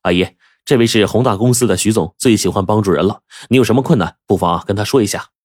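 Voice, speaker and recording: A man's voice: fairly low pitch, quick pace, slightly rough, no room sound, clean studio sound, voice pushed up. A man doing an eager young assistant.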